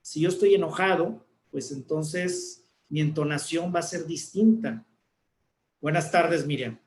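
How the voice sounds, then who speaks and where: Announcer explaining voice technique, echoey. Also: male voice, on the high side, a little slow, darkish tone. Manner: didactic, demonstrates intonations with examples. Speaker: guest speaker, announcer and communicator. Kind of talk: explanatory casual talk.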